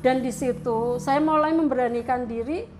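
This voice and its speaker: A middle-aged woman from Central Java telling her personal story in an interview, speaking with deep emotion that at times turns tearful. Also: moderate pace, background noise. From Central Java, Indonesia. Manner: emotional, heartfelt storytelling that rises into tearful prayer. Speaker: interview guest.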